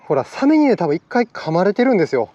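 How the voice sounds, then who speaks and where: Excitable man with a slight Kansai lilt. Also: sits high, fast, dry recording, dull audio. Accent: slight Kansai dialect. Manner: upbeat, excitable, laughs often. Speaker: fishing vlogger. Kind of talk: casual outdoor vlog narration. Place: outdoors on an island shore.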